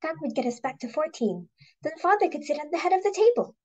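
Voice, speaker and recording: A woman's voice: high voice, big pitch swings, fast, darkish tone. A woman playing an anxious, bungling young society daughter in an amateur reading of a stage comedy, exclamatory and apologetic. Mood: suggesting.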